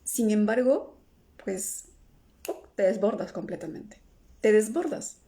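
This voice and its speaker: A woman's voice: mid-range voice, lively intonation, slow pace, warm tone, a little hiss or hum. A woman teaching about emotions on a live stream, ending nearly every phrase with a questioning "¿no?" or "¿sí?" and answering viewer comments aloud. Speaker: emotional healing coach.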